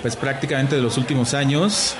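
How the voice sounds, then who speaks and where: A man's voice: medium pitch, fairly even intonation, brisk, crowd noise. A man commenting on sports as a panelist, using slightly formal sportscaster phrasing. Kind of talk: measured football commentary. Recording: clearly noisy urban ambience behind voice.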